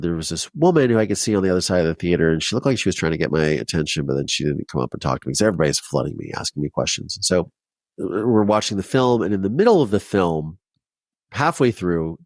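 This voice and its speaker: Guy from ohio telling his story on a podcast, low deep voice, dry close sound, heartfelt and rambling. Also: lively intonation, fast, no echo. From Ohio, United States. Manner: heartfelt, tearful at moments, rambling with many restarts. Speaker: podcast guest, documentary filmmaker. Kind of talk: emotional personal storytelling.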